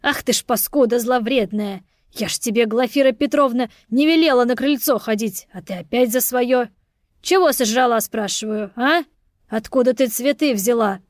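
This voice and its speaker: A woman voicing an older village woman who loudly scolds in a folksy way. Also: fairly high pitch, normal speed, no room sound, clean studio sound, lightly acted. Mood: angry scolding.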